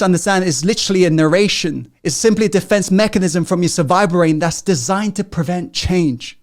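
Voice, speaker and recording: In a live motivational masterclass, a high-pitched male host bombards the audience with rhetorical questions, moving back and forth between booming, emphatic encouragement and soft, intimate asides.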